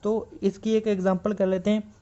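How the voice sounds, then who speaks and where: A man teaching shorthand in a classroom style, patiently repeating each point and reading textbook lines slowly. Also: high-pitched, flat delivery, dark tone, highs cut off. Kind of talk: classroom explanation.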